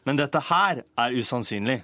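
A man voicing a plucky, quick-witted young fairy-tale hero who answers back boldly in a radio story. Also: mid-range voice, expressive, pushed and bright, no echo, pitched below the performer's own voice. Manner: cheeky, bold retorts.

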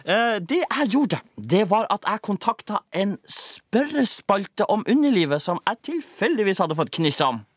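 Hesitant, pedantic woman co-host, mid pitch, dry studio. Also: sing-song, hardly any pauses, no echo. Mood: earnest. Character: earnest female advice-column co-host, pedantic. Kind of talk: deadpan sketch comedy.

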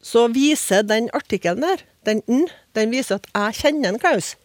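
A woman's voice: a little high, animated, no echo. Woman, language expert on a radio panel, patient explainer, dry studio sound. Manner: patient, explaining with examples, frequent tag questions.

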